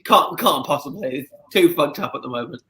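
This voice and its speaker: Jokey man, bright voice. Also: fairly high pitch, a little fast. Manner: jokey, animated. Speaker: improv performer. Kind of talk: casual livestream banter.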